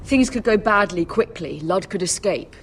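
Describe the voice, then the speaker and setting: A woman's voice: mid-range voice, animated, normal speed, soft background music, lightly acted. An actress playing a stern, wary middle-aged noble mother in a dramatic video game, grave and firm. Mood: wary counsel.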